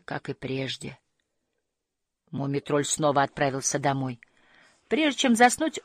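A woman narrating a storybook in a gentle, measured reading that slows at quiet moments. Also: low voice, no room sound, clean studio sound.

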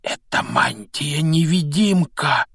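Man doing an excitable boy wizard. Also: normal speed, no echo, studio quality, lightly acted. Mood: awed hush. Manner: high, breathless exclamations. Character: excitable boy wizard, eager and easily awed.

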